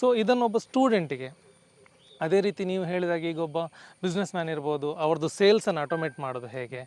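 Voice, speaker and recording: A company CEO appearing as a guest gives explanatory answers, frequently mixing in English words. His voice is a little high, expressive, fast and darkish in tone.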